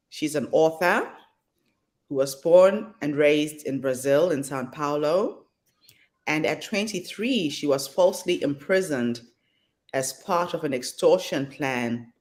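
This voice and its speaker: A woman hosting an online summit, speaking in a brisk, practical and earnest way. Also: low voice. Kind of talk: casual chat on a video call.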